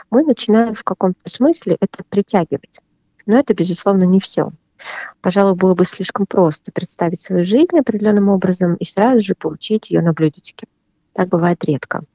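A woman psychotherapist giving calm, measured advice on a radio program. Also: on the low side, creaky, no echo, lo-fi sound.

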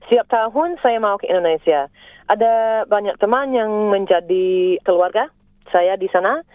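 A woman's voice: medium pitch, measured pace, dry recording. A middle-aged Australian woman, a native English speaker, answering interview questions in Indonesian as a foreigner, in simple careful phrases with the odd English word. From South Australia. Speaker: Indonesian language teacher and interview guest. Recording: tinny narrow-band phone line.

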